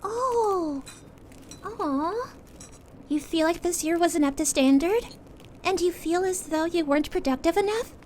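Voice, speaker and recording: A woman voicing a sweet, caring young princess in a calming roleplay, speaking to a friend in a gentle, reassuring, chatty way. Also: extremely high pitch, a little slow, slight background noise. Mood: gentle concern. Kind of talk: calming ASMR audio roleplay.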